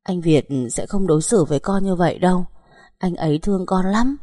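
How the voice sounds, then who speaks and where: A woman's voice: a little fast, dark tone, no echo, studio quality, lightly acted. A woman voicing a distraught young pregnant woman who pleads and sobs in a raised, strained voice. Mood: pleading. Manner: sobbing, pleading, pitched up.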